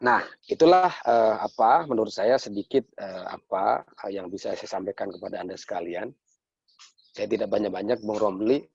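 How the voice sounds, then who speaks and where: A man's voice: lowish voice, gravelly, a little mellow, breathy edge, dry recording. An Indonesian man, a guest lecturer, closing his talk in a modest, hesitant way. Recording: dull, dry lo-fi sound.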